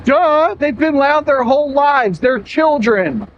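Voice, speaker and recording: A man's voice: very high voice, lively intonation, slow, full character voice. A man imitating his wife, sounding dismissive and exasperated, recorded outdoors on a moving motorcycle. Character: weary wife, exasperated with her husband. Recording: muffled sound with faint engine and wind noise.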